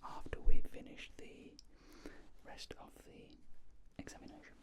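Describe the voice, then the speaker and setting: In a soft, breathy whisper, a man unhurriedly plays a polite, reassuring ear examiner for an ASMR roleplay, keeping his manner gentle throughout.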